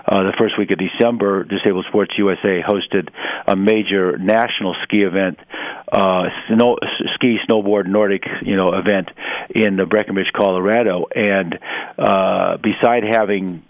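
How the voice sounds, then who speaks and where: A man in his sixties explaining things as a radio interview guest, speaking haltingly with many pauses and repeated words. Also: low voice, steady tone, no room sound, dull audio. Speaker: interview guest, head of an adaptive sports organization.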